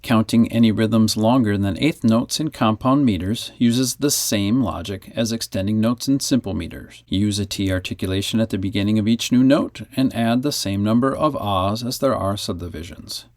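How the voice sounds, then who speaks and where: A man's voice: lowish voice, moderate pace, few pauses, a little mellow, no echo, clean studio sound. A man teaching music in a methodical instructional voice, chanting rhythm counting syllables as he explains. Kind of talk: instructional narration.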